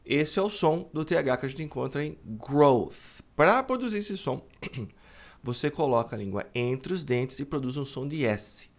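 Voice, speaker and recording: A man with a Brazilian Portuguese accent, an English teacher explaining pronunciation in an online video lesson and often checking in with the viewer. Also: on the high side. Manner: explanatory, often checks understanding with a quick "right?".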